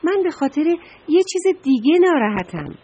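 A woman's voice: mid-range voice, animated, a little mellow, slightly rough. A woman voicing a worried talking blue trash can in a children's story, speaking emphatically with many hesitations. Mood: fretful.

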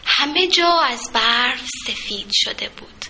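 A woman narrating a children's story in a gentle, lilting storytelling way. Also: on the high side, animated, slight background noise.

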